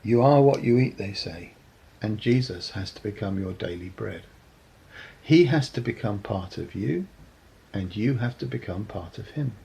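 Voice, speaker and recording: A man giving a reflective sermon talk, measured and earnest, often pausing with ums. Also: fairly low pitch, lively intonation, creaky, warm tone, slightly rough, low-quality recording. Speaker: preacher.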